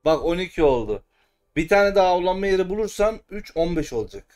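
A man giving live gameplay commentary as a streamer, excitable and cursing at the game at times, then calm and muttering. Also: sits high, quick pace.

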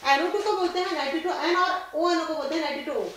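A woman's voice: very high-pitched, quick pace, fairly bright tone. A woman chemistry lecturer teaching a class, asking questions and answering them herself, with English terms mixed into her speech. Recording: very echoey room with faint noise.

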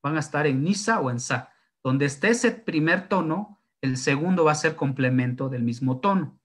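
A linguist whose first language is Zapotec explains a writing system, thinking aloud with fillers and frequent tag questions. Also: male voice, a little high, expressive, moderate pace. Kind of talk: explanatory talk on writing tones.

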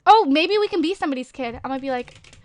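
A woman's voice: high-pitched, lively intonation, fast. A woman with a slight lisp casually commenting on a game, rambling and giggly, with lots of "like" and "um", recorded on a desktop microphone at home. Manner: giggly, rambling, playful trolling with frequent "like" and "um". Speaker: gaming video host. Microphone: desktop USB microphone.

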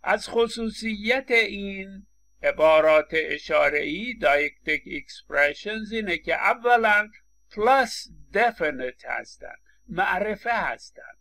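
A man's voice: sits high, lively intonation, creaky, bright, forceful tone. A man giving a recorded lecture, explaining with examples, acting out short quotes and often stammering on restarts. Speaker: linguistics lecturer.

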